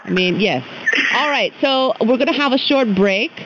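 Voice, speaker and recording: A woman's voice: on the high side, lively intonation, moderate pace, loud music behind the voice. A woman hosting a casual radio talk show, chatting with callers between frequent fillers. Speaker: radio host. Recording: slightly muffled radio audio with faint hiss.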